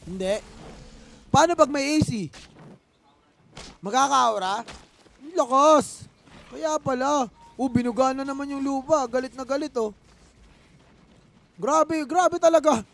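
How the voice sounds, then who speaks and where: A young man with a Filipino accent giving excited, joking live game commentary, mixing in English phrases. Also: very high-pitched, unhurried, gravelly, pauses often. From Philippines. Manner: joking, playful, mixes English phrases, bursts into excited yells. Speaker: esports commentator.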